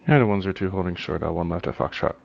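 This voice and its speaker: A man's voice: deep voice, very fast, creaky, darkish tone. A man talking as a pilot over the radio, using clipped radio phrasing with a few hesitant fillers, his voice heard as a muffled, distant transmission. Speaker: airline pilot on a flight simulation network.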